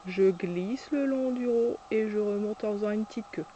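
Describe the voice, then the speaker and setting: A preschool teacher slowly demonstrating cursive letter by letter, patiently naming each stroke aloud. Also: mid-range voice, warm tone, a little hiss or hum. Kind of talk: step-by-step handwriting demonstration.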